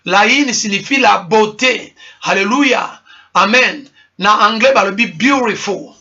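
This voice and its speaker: A pastor preaches with a high, bright voice that rings out over his repeated refrains. He speaks with emphatic, rhythmic force, calling out hallelujah between lines. The recording sounds dull and lo-fi. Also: slow pace. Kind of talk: sermon.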